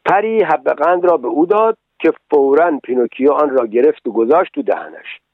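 A man narrating a storybook reading in a steady, measured way. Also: a little high, dry recording. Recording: tinny lo-fi radio broadcast, dry.

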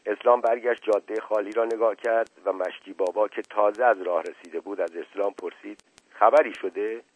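A man reading a story aloud in a measured, slow dramatic way, voicing the villagers' dialogue. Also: lowish voice, steady tone. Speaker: narrator. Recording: tinny phone-like radio broadcast.

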